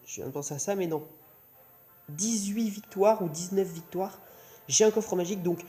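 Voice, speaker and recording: With music playing in the background, a young gaming host offers hesitant, meandering, casual commentary while nursing a mouth sore after wisdom teeth surgery. He speaks at normal speed in a high, mellow voice.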